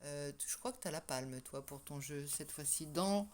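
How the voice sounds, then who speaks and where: A woman's voice: sits low, normal speed, darkish tone. Chatty woman reading tarot cards. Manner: chatty, hesitant with many fillers and restarts, laughs often. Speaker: tarot reader. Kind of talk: casual tarot reading to camera. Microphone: microphone that keeps falling.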